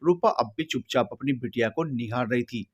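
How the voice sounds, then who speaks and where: A man's voice: mid-range voice, normal speed. Solemn male storyteller. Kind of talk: scripted story narration.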